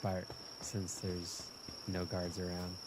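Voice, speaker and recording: A man's voice: low-pitched, completely flat delivery, slow pace, heavy background noise. A man chatting casually as a player in a tabletop role-play game. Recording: loud music behind the voice.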